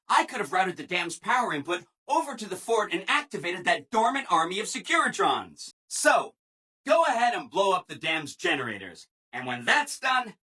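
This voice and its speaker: A man's voice: high-pitched, sharp tone, husky, heavily acted. A man voicing a relentlessly cheerful, eager-to-please robot assistant in a video game, chipper and exaggeratedly polite. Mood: chirpy helpfulness. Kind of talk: video game character acting.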